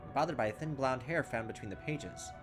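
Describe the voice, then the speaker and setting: Music plays in the background as a man speaks briskly at medium pitch, reading a horror game's text aloud during a let's play. Self-mocking, he talks through his thinking, goes astray, and jokes about the mistakes he makes.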